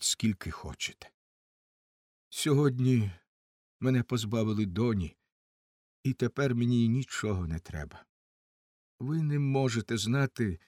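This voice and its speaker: A man's voice: fairly low pitch, a little mellow, dry recording, clean studio sound. A man voicing a grief-stricken old father. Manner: anguished, trembling, lamenting. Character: old grieving father, desperate and pleading.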